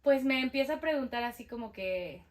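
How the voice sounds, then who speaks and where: A woman's voice: sits high, fairly quick. A young Mexican woman with a Mexican accent, telling a personal story in a casual interview and acting out what people said. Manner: lively, acts out quoted dialogue. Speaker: guest sharing testimony.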